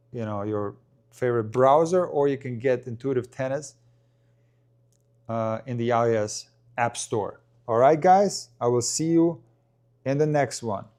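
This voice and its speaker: A man's voice: medium pitch, a little mellow, smooth. A man with a mid-range voice talks casually to his live-stream viewers. He rambles, restarts sentences and fills gaps with ums as he answers questions. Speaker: tennis coach and live-stream commentator.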